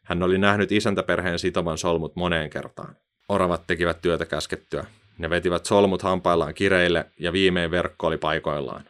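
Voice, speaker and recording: Male narrator, low-pitched, expressive children's story reading.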